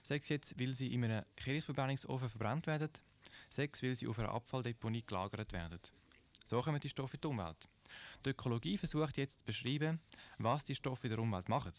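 Swiss-accented man explaining on radio. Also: medium pitch. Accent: Swiss German. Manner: measured, explanatory, poses rhetorical questions. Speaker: radio presenter. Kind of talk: scripted radio commentary.

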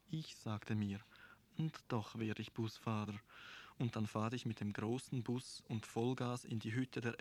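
A man giving a dramatic, animated literary reading. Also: medium pitch. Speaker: reader.

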